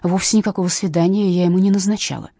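A woman's voice: on the low side, steady tone, fast, dark tone, slightly rough, no echo, studio quality. A woman reading a stammering, flustered young artist.

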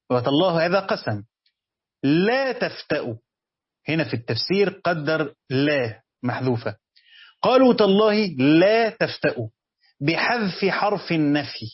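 A man's voice: on the high side, breathy edge, no room sound, dull audio. A man with an Egyptian accent teaching commentary on a religious text, reading passages and then explaining them in colloquial speech with frequent hesitations. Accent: Egyptian Arabic.

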